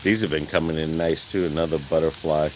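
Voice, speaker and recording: Man with a drawl, low voice, chatty and folksy live-stream vlogger talking outdoors, faint background hiss. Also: fairly even intonation, fast talker. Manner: rambling, chatty, laughs often, folksy. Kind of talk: casual live-stream chat while gardening. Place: outdoors in a garden.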